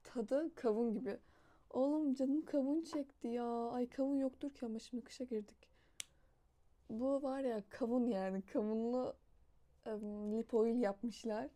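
High-voiced young woman vlogging casually. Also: steady tone, measured pace, dark tone. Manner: chatty, laughs often, coos at a little child. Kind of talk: casual vlog chat.

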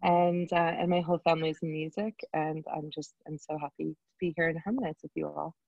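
A woman in her thirties, a sound healer, introducing herself warmly on a video call. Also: sits low, flat delivery, quick pace, vocal fry, dry recording. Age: 30s. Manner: warm, eager. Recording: dull dry call audio.

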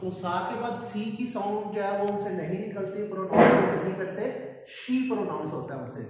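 A man teaching a video lesson and slowly drawing out each sound in pronunciation drills. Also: sits high, a little mellow, slight background noise. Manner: slow drawn-out pronunciation drills. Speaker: language teacher. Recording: echoey room from far off.

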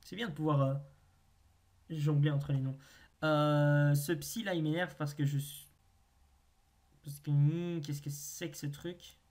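A gaming video host thinking aloud through a naming quiz, hesitant with drawn-out pauses and wry self-mocking asides. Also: mid-range voice, level tone, darkish tone.

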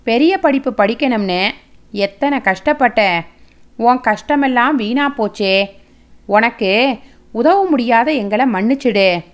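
A woman's voice: on the high side, animated, slow pace, long pauses. Woman voicing a sorrowful, pleading mother. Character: tearful mother grieving over her daughter.

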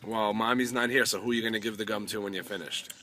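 A father talking gently and patiently with his small child while driving, filmed on a phone. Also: fairly low pitch, steady tone, quick pace. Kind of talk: casual chat with a child. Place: in a moving car. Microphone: phone camera held while driving. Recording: car road noise.

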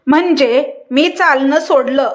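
A woman's voice: sits high, takes it slowly. A woman voicing a firm young nurse.

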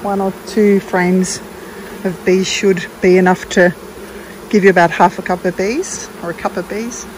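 Out in a garden among the hives, a woman from Australia talks through beekeeping steps in a relaxed, practical, unscripted tutorial. Her mid-range voice is steady and a little slow; the audio is poor, with buzzing insects and outdoor sounds clearly heard.

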